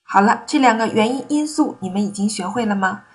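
Her voice is on the high side, expressive and breathy-edged, a little fast, as she teaches French in a classroom. She explains things step by step and patiently corrects students, captured in a muffled, slightly noisy recording.

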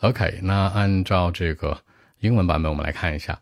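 Deep-voiced Chinese man teaching English. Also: normal speed, no room sound, studio quality. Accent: Mandarin Chinese. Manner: explains vocabulary at length with asides and rhetorical checks. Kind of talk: IELTS speaking lesson, mixing Chinese and English.

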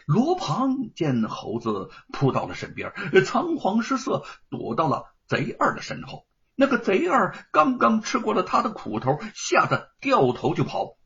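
A man narrating a story in an animated, dramatic storytelling manner. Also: high voice, gravelly, husky. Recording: dull lo-fi recording.

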